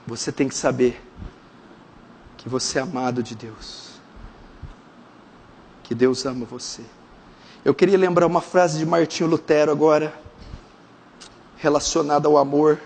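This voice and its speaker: A man preaching a sermon as pastor, dropping to hushed tones and rising to shouted fervor. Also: steady tone, measured pace, creaky, pauses often, a little hiss or hum. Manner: swings from hushed intimate lows to shouted fervent climaxes. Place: church sanctuary. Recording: long hall reverb.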